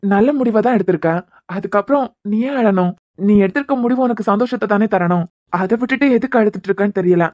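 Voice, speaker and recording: A woman's voice: medium pitch, fast talker, a little mellow, dry recording, lightly acted. An earnest young man in a cartoon serial pleads and apologizes to the woman he loves, voiced by a woman. He speaks with a Kanyakumari Tamil accent and a mid-range voice. The sound is dry and close. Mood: tender.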